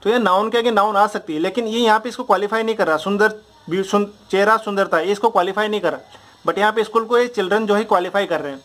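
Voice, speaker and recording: A young man with a fairly high voice teaches a grammar lesson. He goes step by step, repeats the same example drills again and again, and keeps checking that his listeners follow. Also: quick pace, fairly bright tone. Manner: explains patiently, repeating drills and checking understanding. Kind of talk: Hindi grammar lesson at a board.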